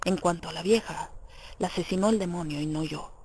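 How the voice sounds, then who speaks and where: A woman's voice: on the low side, a little fast, vocal fry, very noisy. A woman reading a tormented young murderer. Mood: anguished. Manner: brooding, intense, questioning. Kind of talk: audiobook character reading.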